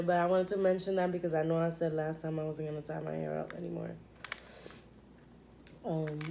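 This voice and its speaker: A woman's voice: low voice, dark tone, slight background noise. A young woman chatting casually while eating on camera, rambling with lots of fillers and talking with her mouth full. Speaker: vlogger.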